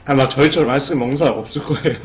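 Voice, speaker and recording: A man's voice: a little high, slight background noise. A young man in a casual eating show, talking while eating ice cream and chatting easily with his co-eater. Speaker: mukbang eater. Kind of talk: casual chat.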